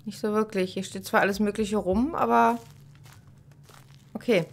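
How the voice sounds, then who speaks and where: A woman's voice: medium pitch, steady tone, moderate pace, gravelly. A middle-aged woman playing a horror game, thinking aloud in casual commentary on a headset mic. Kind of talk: casual let's play commentary.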